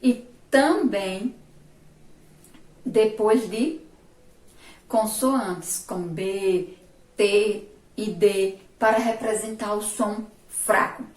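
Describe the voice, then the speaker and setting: Slow-talking Brazilian teacher woman, echoey. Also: mid-range voice, distant mic. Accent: Brazilian Portuguese. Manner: asks the class questions and answers them herself; sounds out syllables slowly and loudly. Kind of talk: remote classroom lesson. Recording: roomy echo, voice from off mic.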